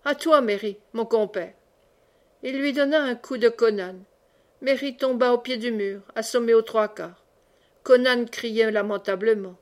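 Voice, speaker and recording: A woman reading a novel aloud in steady, clear narration. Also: a little high, normal speed. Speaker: audiobook reader. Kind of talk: scripted narration.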